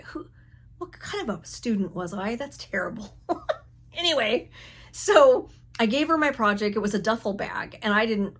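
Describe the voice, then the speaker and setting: Chatty, self-mocking woman crafter. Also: mid-range voice. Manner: animated, self-mocking, laughs often. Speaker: crafting channel host. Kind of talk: casual chatty vlog. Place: home craft room.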